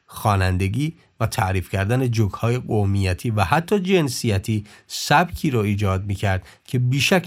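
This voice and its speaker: A man narrating a documentary podcast in a measured, informative scripted tone. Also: lowish voice.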